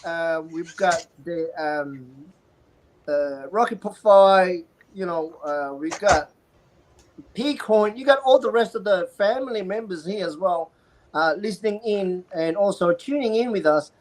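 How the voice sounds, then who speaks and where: Co-host giving hesitant shout-outs. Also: mid-range voice, a little slow, low-quality recording. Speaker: livestream co-host. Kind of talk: casual livestream chat.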